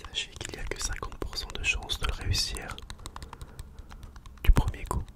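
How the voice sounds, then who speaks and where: Seated on the floor at home, an ASMR host talks casually in an unvoiced, breathy whisper. Words and phrases get repeated slowly.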